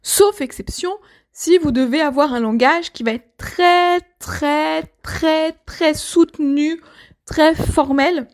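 A woman's voice: sits high, slow. A woman from France teaching a language lesson, patient and explanatory, often checking in with the learners. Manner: patient, repeats words, checks with "ok?". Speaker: French teacher.

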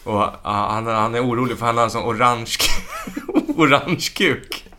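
Bright-voiced man telling jokes. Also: medium pitch. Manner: animated storyteller, swears freely, acts out jokes. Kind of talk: casual chat, telling comedy anecdotes.

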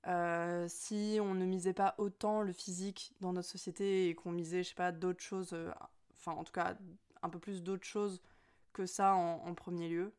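Hesitant young woman, lowish voice. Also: a little mellow. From Spanish and Portuguese family. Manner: hesitant, many fillers and restarts. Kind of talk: personal reflective monologue.

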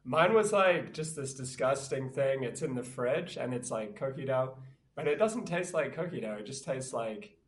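A man with a croaky voice from being sick, chatting casually as a podcast co-host with mock-dramatic, boastful storytelling. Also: mid-range voice, animated, moderate pace.

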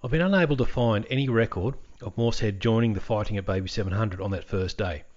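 A man's voice: fairly low pitch, a little mellow, muffled recording. Wry man narrating history. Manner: dry, wry humor. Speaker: podcast host.

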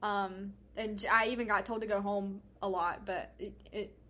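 A young woman who works as a hairstylist, chatting on a podcast. She tells her story candidly and swears casually. Her pitch is at a typical middle level for a woman. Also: flat delivery, normal speed, bright, forceful tone. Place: United States.

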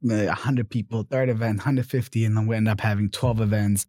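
A young man from Germany talks through his own story in a relaxed interview, with a lowish voice and dry, close sound. He is animated, checking in with "right?" and "you know" as he goes. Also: a little fast, no room sound. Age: 20s. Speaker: guest. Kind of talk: casual interview conversation.

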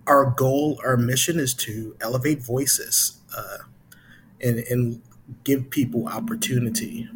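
Middle-aged American male interview guest, mid-pitched, halting casual delivery, some background noise. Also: steady tone. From Chicago, US. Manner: halting, hesitant, thinking aloud. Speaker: interview guest, improv company founder.

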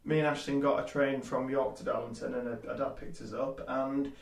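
Young Yorkshire man in his twenties, chatty and rambling, mid-pitched, echoey room. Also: level tone, fairly quick. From Leeds, England. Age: 20s. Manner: rambling, many fillers and restarts. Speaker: guest, small business owner. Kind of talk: casual interview chat.

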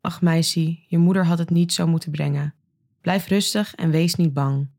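Woman voicing a soft-spoken grieving aunt in a story reading, slightly gravelly. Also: fairly low pitch, fairly even intonation, moderate pace, lightly acted. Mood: comforting. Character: grieving middle-aged aunt, comforting.

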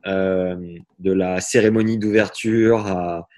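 Man asking questions with a lower pitch. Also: flat delivery, slow, darkish tone. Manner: hesitant, many fillers. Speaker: host. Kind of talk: casual interview.

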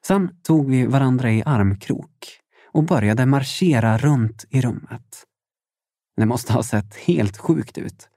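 A young adult man reads his own memoir aloud as a first-person audiobook, steady but with dramatic emphasis. His medium-pitched voice comes through clean studio sound with no room noise.

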